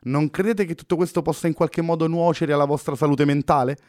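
A man's voice: a little high, fairly even intonation, a little fast, a little mellow, voice pushed up, close to an everyday voice. A man reading as a polite young woman. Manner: polite, formal questions. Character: young woman, curious and cautious.

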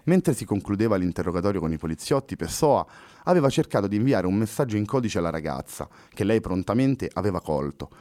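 A man narrating a novel in a steady, measured audiobook reading. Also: lowish voice, no room sound, studio quality.

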